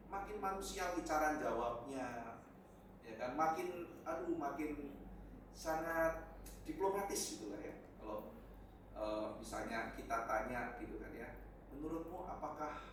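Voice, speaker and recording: Man preaching in an echoey hall. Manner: conversational, sudden loud high bursts for emphasis. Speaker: pastor. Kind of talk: sermon. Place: church hall. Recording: echoey hall, distant mic, faint noise.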